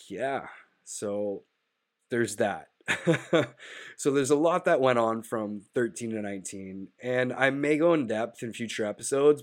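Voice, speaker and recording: A man in his thirties hosts a solo podcast, sounding nasal and stuffed up from a cold that has hung on. He talks in a loose, reflective way, dropping "like" and "uh" as he goes. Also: mid-range voice. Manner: casual, reflective, frequent fillers like "like" and "uh". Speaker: podcast host. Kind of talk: solo podcast monologue with sponsor reads.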